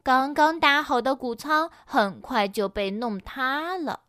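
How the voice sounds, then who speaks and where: A woman teacher narrating a children's story, acting out the characters with lively energy. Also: high voice, slow, clean tone, no echo, clean studio sound.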